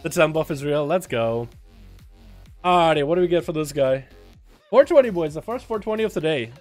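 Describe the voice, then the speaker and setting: A man's voice: fairly high pitch, a little fast, soft background music. A young man talking like a hyped frat bro, full of slang and swearing, in casual livestream gaming commentary. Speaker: video game livestreamer.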